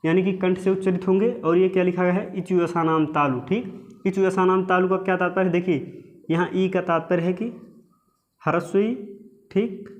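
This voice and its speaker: A man's voice: sits high, steady tone, moderate pace, lo-fi sound. A man teaching an exam-prep lesson who repeats each point and keeps checking in with his listeners. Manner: asks questions and answers them himself.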